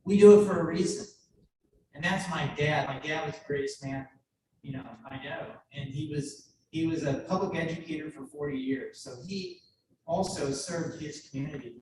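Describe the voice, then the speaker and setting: A man's voice: on the high side, steady tone, noisy background. Man giving a joking tribute speech. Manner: joking, halting, with many restarts. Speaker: speaker at a retirement ceremony, brother of the retiree. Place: large ceremony hall. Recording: echoey hall from far off.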